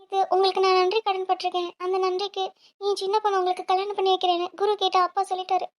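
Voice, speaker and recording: A woman doing a shrill young girl student. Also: monotone, rapid-fire. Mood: worried. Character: young woman student, quick-tempered, loyal to her family.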